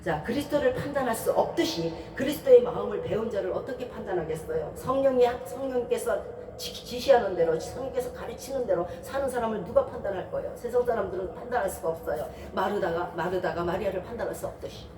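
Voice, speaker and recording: A woman's voice: mid-range voice, lively intonation, fast talker, dark tone, recorded from a distance, slight background noise. A woman pastor giving a Sunday sermon in a conversational way, asking many rhetorical questions and briefly acting out people's voices. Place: church sanctuary. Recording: roomy church, voice from afar.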